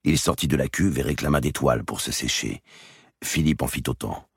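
Deep gravelly-voiced male narrator. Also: a little fast, no echo, clean studio sound. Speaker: audiobook narrator. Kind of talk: scripted narration of a historical novel.

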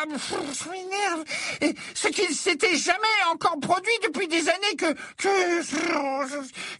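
Reader doing Trelawney, a shrill stammering old seer. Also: sharp tone, no room sound, clean studio sound, full character voice. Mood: flustered. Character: old female seer, theatrical and flustered.

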